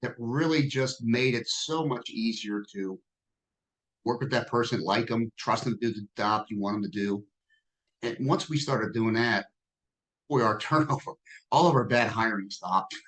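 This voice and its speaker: A man in his sixties, a business owner speaking as a podcast guest in a relaxed, self-deprecating conversational way. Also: mid-range voice, moderate pace, low-quality recording. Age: 60s. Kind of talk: podcast interview.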